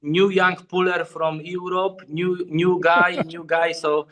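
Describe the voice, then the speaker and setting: Man, 30s, calm, plain-spoken, video call guest, higher pitch. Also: slow. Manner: calm, plain-spoken, simple non-native phrasing. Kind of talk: casual video-call chat.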